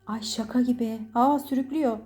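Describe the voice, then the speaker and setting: A woman's voice: a little high, steady tone, brisk, dark tone, faint music behind. A woman at home filming her cats on a phone, giving casual running commentary, laughing often and playfully cooing at and scolding them.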